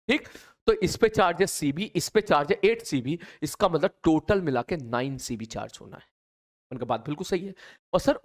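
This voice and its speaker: A man teaching physics, working through capacitor problems step by step and voicing the students' answers himself. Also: on the high side. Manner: talks to students directly, mimics their replies. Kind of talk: explaining capacitor problems on a board.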